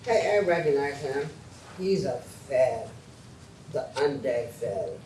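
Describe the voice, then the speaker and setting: A man's voice: mid-range voice, animated, slow, darkish tone, a little hiss or hum. A man performing a role in a community stage show, laid-back and casual. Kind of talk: community stage opera acting. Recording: roomy stage sound from far off, faint music.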